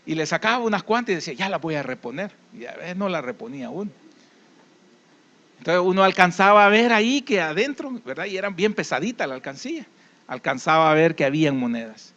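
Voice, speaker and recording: Salvadoran male preacher, high-pitched, folksy conversational delivery, dull lo-fi recording. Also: expressive, brisk, fairly bright tone. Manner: conversational preaching with folksy anecdotes and tag questions. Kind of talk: sermon.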